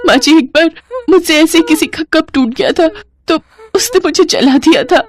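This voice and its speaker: A woman's voice: a little high, moderate pace, a little mellow, voice pushed up, close to an everyday voice. A woman voicing a timid young bride in a storybook, speaking in a pleading, fearful way. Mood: frightened.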